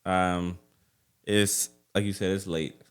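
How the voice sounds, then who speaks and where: A man's voice: sits low, flat delivery, slow pace, clear, resonant tone. A man co-hosting a podcast, chatting casually in a slangy way. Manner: slangy, often tags lines with man, dog or bro. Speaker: podcast co-host. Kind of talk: casual chat.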